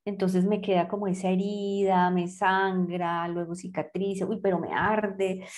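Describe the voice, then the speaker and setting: A woman's voice: fairly low pitch, flat delivery, a little slow, a little mellow. A woman giving a reflective talk, who strings phrases into long lists with many fillers and restarts. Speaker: guest speaker on childhood wounds.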